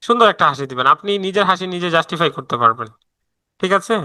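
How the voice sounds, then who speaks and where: A man's voice: high-pitched, expressive, quick pace, pushed and bright, no room sound. A man teaching a live online class in a casual, chatty way, stopping often to answer viewer messages, with many fillers and restarts. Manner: frequent fillers and self-restarts. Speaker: online freelancing instructor.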